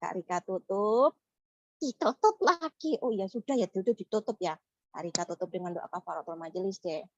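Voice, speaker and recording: Animated young woman storyteller for kids. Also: medium pitch, no echo. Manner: slow, animated and coaxing, like a kindergarten teacher. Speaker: children's storyteller. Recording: slightly muffled, dry sound.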